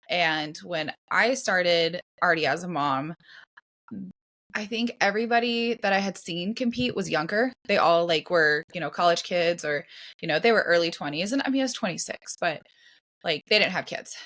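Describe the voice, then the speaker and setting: A woman in her thirties co-hosts a podcast in a lowish, slightly bright voice. She's chatty and casual, full of fillers and restarts.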